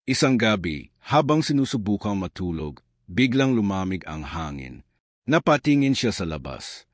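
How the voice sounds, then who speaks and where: A man's voice: on the low side, very animated, moderate pace, dry recording, studio quality. A man narrating a scripted horror story in a dramatic, suspenseful manner.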